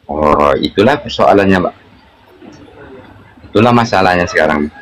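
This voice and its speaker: Man, 40s, deep low voice, casual and joking, live online debate. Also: animated, normal speed. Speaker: debate participant.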